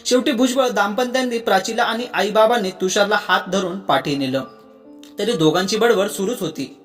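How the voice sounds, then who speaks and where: A narrator reading a story in steady scripted narration. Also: medium pitch, normal speed. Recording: soft background music.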